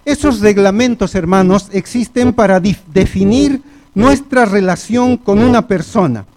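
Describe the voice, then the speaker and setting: A man delivers a sermon with an Argentine Spanish accent in a church. His voice sits high for a man, and he takes his time, weighing each phrase and speaking directly to the congregation. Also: darkish tone. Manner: slow, deliberate preaching, often addressing the congregation as brothers. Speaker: preacher.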